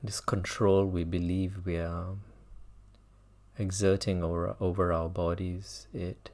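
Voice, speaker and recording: A man teaching a guided mindfulness meditation speaks gently, leaving long pauses between phrases. His voice is low-pitched and his delivery flat.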